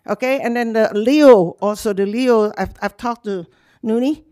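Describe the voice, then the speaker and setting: Animated older woman, talkative, dry sound. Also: fairly high pitch, unhurried, dry recording. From Hong Kong, grew up in Indonesia. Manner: animated, talkative, frequent laughs. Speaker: nonprofit youth program leader. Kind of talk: speaking at a public city meeting.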